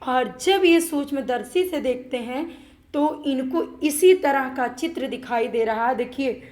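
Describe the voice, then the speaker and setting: A woman's voice: high voice, darkish tone. A woman teaching a school lesson, often asking the class questions and repeating her points. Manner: slow, repeats questions to students.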